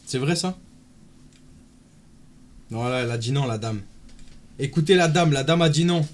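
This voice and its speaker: A man's voice: medium pitch, normal speed. A man streaming live, casually bantering and teasing his chat and friends.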